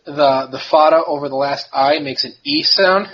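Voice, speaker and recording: A man answering as an interview guest, explaining things in a relaxed, easygoing, informal way. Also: fairly high pitch, normal speed, a little hiss or hum. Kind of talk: casual explanatory chat. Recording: dull lo-fi sound.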